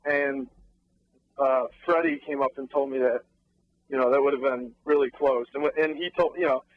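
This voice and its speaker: A male guest on a casual sports talk show, talking candidly and haltingly with fillers about a coaching call. His voice is mid-pitched. The recording sounds dull and lo-fi, yet dry. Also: fairly even intonation, no echo. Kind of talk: casual interview chat.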